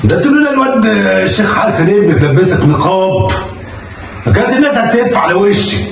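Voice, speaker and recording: A man with an Egyptian accent acting a comedy sketch, loud, exasperated and cursing. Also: sits high, vocal fry, slight background noise. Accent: Egyptian Arabic. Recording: echoey room, far from the mic.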